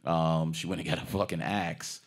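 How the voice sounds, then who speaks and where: A man casually retelling a film's plot as a review co-host, acting out the characters' lines and swearing freely. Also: normal speed. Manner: animated, acts out characters' lines with big pitch jumps.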